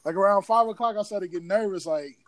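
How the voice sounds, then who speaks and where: A man hosting a podcast in casual, slangy, profane frat-bro banter, excitable and quick to laugh. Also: sits high, a crowd in the background. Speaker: podcast host.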